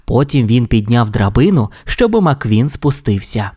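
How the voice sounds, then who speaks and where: A male storyteller reading a children's audio fairy tale. His voice sits at an ordinary middle pitch but moves up and down freely. The delivery is expressive and warm toward young listeners. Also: measured pace, husky.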